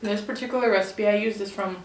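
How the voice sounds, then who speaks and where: A woman hosting a mukbang, chatting casually while eating crunchy fried chicken and pausing to chew. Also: medium pitch, steady tone. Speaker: mukbang host. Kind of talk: casual eating-show chat. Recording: roomy echo, distant mic, faint noise.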